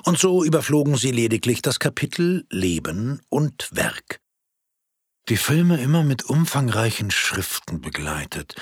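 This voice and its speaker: A man reading his own story aloud in a playful, expressive way. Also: medium pitch, slightly rough, no room sound, studio quality. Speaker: narrator.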